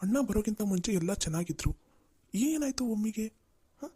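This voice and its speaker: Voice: medium pitch, lively intonation, moderate pace, mellow, breathy edge. A performer voicing a friendly young man at the office who chats in a worried, rambling way. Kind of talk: cartoon voice acting.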